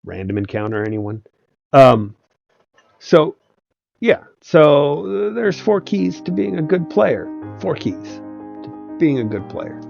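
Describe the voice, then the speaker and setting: A man's voice: a little high, expressive, slow pace, creaky, pauses often, darkish tone. A man who runs tabletop games, giving meandering casual advice with many hesitations and restarts. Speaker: tabletop game master and video host. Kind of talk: casual rambling advice talk. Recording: dull lo-fi sound with faint background music.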